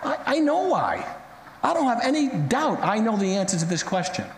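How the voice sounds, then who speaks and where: A man's voice: high voice, very animated, normal speed, reverberant, long reverb tail, slight background noise, low-quality recording. A male pastor preaching a sermon, telling stories dramatically and acting out the quotes. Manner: dramatic storytelling with acted quotes.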